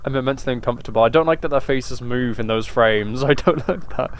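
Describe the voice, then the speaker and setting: A man's voice: mid-range voice, fast talker. A man casually commenting through a video game, wry and playful, trying out voices for the characters. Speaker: let's play gamer.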